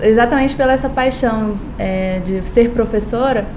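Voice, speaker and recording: A Brazilian lawyer and law professor, born in Paraíba and raised in Brasília, earnestly tells her story in a podcast interview, hesitating often. Her voice is on the high side and moderately paced, and the recording is reverberant with a noisy background.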